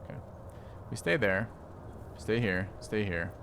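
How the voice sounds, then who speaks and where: A man's voice: on the low side, measured pace, background noise. A man streaming a strategy game, thinking aloud in casual commentary, puzzled and now and then swearing at the game's rules.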